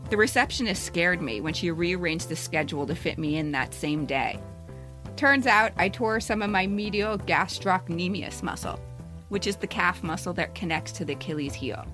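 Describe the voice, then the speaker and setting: A podcast co-host in her fifties narrates a scripted personal essay and then moves into casual banter, speaking candidly and directly as a storyteller. Her voice is on the low side and expressive, at a moderate pace. Music plays in the background.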